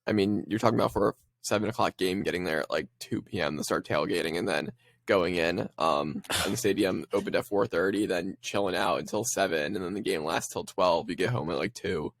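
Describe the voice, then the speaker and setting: Fast-talking low-voiced young man. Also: vocal fry, dry recording, studio quality. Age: young adult. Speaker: podcast co-host. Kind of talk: casual chat.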